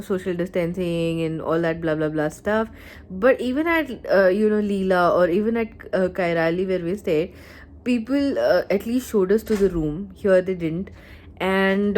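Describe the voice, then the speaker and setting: A woman's voice: medium pitch, darkish tone, a little hiss or hum. A woman with a South Indian accent chatting casually and candidly in a rambling vlog, recorded on a handheld camera in a hotel room. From Mysore, South India. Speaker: vlogger.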